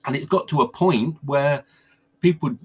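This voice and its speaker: A man's voice: on the high side, a little slow, slightly rough. A man working as a pronunciation coach, explaining things conversationally in a workshop and often restarting and repeating words as he thinks.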